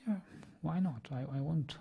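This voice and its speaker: Speaking with vocal fry and a breathy edge, this young Czech man has a fairly high, mellow voice at a moderate pace. He is a native speaker from the Czech Republic with a Czech accent, casually commentating his online poker game and reading chat, hesitant and full of fillers. The audio is dull.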